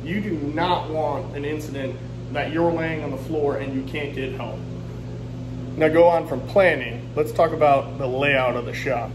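A man's voice: on the high side, background noise. A man in his thirties giving practical shop tips in a casual how-to style, with joking asides. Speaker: woodworking channel host. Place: home woodworking shop, indoors. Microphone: camera-mounted, filmed at arm's length and from a tripod. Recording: echoey shop room.

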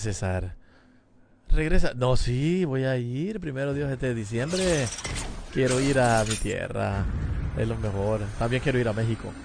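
A man's voice: mid-range voice, creaky, slight background noise. A middle-aged man from El Salvador streaming a fighting game from home, chatting casually and greeting viewers by name through a headset mic. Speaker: gaming streamer. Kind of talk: casual live-stream commentary. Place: home gaming room, indoors. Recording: game music loud behind the voice. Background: game music and sound effects.

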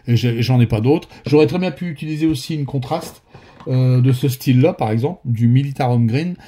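A man's voice: medium pitch, fairly quick, warm tone, husky. Chatty man with a northern French accent. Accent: northern French (Ch'ti). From northern France. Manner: rambling, many fillers and restarts, friendly direct address. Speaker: miniature painting tutor. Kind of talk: casual spoken painting tutorial.

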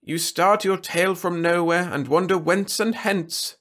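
Narrator playing a haughty alien emperor, lofty, loud, slow and commanding. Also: male voice, sits high, steady tone, voice pushed up. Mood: imperious. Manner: haughty, commanding, drawn-out delivery. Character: pompous, imperious male alien emperor.

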